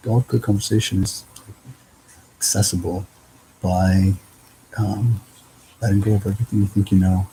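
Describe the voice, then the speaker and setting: A man's voice: deep voice, warm tone, slight background noise, rough recording. A man talking in a loose, meandering casual monologue, full of fillers and little quoted exchanges.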